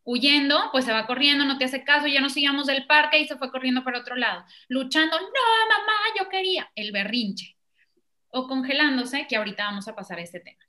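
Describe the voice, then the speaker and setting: A woman explaining child tantrums in an animated way, acting out children and parents in quoted voices. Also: high voice, fast, few pauses. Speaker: parenting expert. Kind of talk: explanatory conversation.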